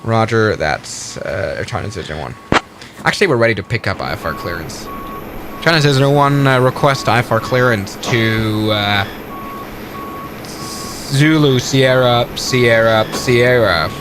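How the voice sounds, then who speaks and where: This man's voice sits at a medium pitch and moves at a moderate pace, with noise in the background. He's giving casual live-stream commentary over a flight simulator, narrating every step and fixing his own mistakes as he goes.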